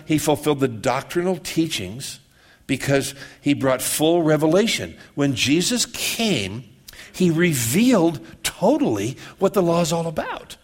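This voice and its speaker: A man giving a conversational sermon, often repeating and restarting words and checking that his listeners follow. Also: a little high. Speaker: pastor.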